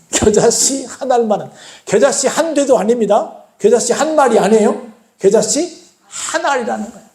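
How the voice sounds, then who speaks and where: A male pastor preaching with a high, animated voice that rises and falls a lot. He keeps asking the congregation questions and answering them himself. The sound rings around an echoey church sanctuary. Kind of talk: sermon.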